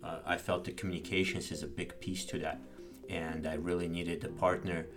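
Low-voiced man. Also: flat delivery, moderate pace, over music. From Baku, Azerbaijan. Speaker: podcast co-host, business consultant. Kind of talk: conversational podcast introduction.

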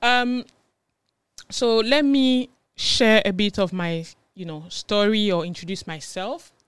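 A woman in her thirties from Ghana, hosting and opening her own podcast in a bubbly, excited way. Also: mid-range voice, takes it slowly, clear, resonant tone, dry recording. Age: 30s. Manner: bubbly and excited, with laughs and fillers. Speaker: podcast host. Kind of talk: casual solo podcast intro.

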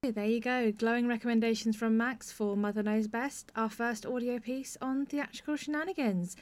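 Hosting a podcast, a British woman who writes plays chats about theatre writing through conversational interview and discussion. She has a fairly high, darkish voice, moderately paced with fairly even intonation.

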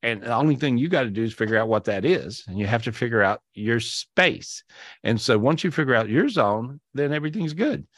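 A man's voice: mid-range voice, lively intonation, a bit bright, no echo, clean studio sound. Chatty, enthusiastic man on a video call. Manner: chatty and repetitive, many restarts with "and so"; enthusiastic, drawn-out emphatic words. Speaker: spiritual teacher and podcast host. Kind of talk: casual spiritual talk to a live audience.

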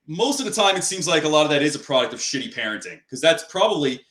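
Quick and very animated, a man with a rather high, fairly bright voice hosts an interview conversation. His turns run long and wander, peppered with "you know" and other fillers, and the room is audible in the sound.

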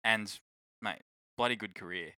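Male co-host, Aussie accent, lowish and bright, casual matey sports talk. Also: normal speed, clear, resonant tone, dry recording, studio quality. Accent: Australian. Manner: blokey, slangy, matey.

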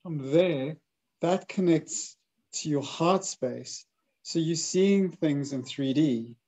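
A man's voice: a little high, slow pace, poor audio. A man hosting a spiritual conversation, earnestly agreeing and musing about energy and healing. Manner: soft affirming backchannels, earnest. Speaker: podcast host.

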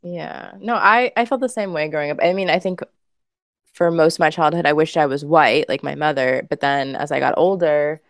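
A woman with a notably low voice shares her thoughts on a casual podcast in an earnest, measured, reflective way. The sound is close and dry, with no room around it. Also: dry recording. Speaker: podcast co-host.

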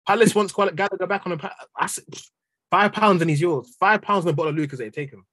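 A man's voice: high voice, quick pace, fairly bright tone, husky, no room sound. A young man with an urban London accent and street slang, ranting in exasperation during casual football banter. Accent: London, urban street slang style. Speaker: football podcast panellist, Chelsea fan.

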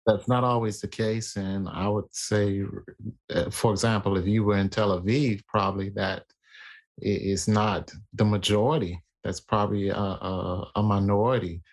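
A man in casual conversation about faith, talking in a halting way with many fillers and restarts. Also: fairly low pitch, steady tone.

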